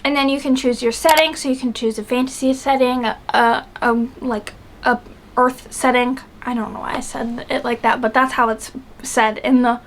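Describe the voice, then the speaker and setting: A woman's voice: high-pitched, fairly even intonation, normal speed, a little hiss or hum. A young woman hosting her book channel, chatting casually and rambling to camera with lots of fillers.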